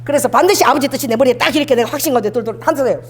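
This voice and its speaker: A woman's voice: high voice, racing. A middle-aged woman pastor preaching an emphatic sermon and having the congregation repeat lines after her.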